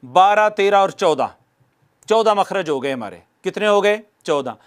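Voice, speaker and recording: A man teaching Quran recitation in a recorded lecture, asking himself questions and answering them, repeating letter sounds slowly to demonstrate them. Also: high-pitched, expressive. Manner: drills by repeating and answering his own questions.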